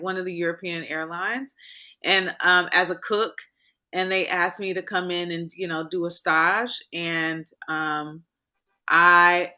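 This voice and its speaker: A woman chef being interviewed, telling stories in a chatty, animated way with frequent ums. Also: on the low side. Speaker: chef guest. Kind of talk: casual interview chat.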